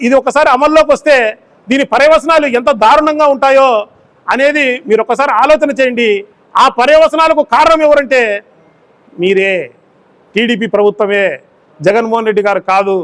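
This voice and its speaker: A man's voice: extremely high pitch, a bit bright. A man, a local party in-charge, giving a political press statement full of repeated rhetorical questions.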